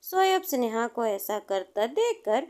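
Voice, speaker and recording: Woman storyteller, high and lilting, slow scripted narration. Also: very animated, darkish tone.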